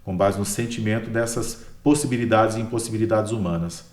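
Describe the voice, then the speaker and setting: In an echoey room, a history professor with a Brazilian Portuguese accent gives relaxed explanations of his work during an interview, tagging most lines with a questioning "né?". He speaks briskly, with a lowish voice and a darkish tone.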